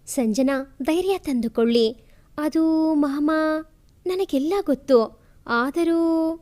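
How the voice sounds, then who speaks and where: A calm, measured young doctor speaks with soft, steady reassurance, read by a woman narrating a storybook. His voice sits fairly high for a man. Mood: consoling.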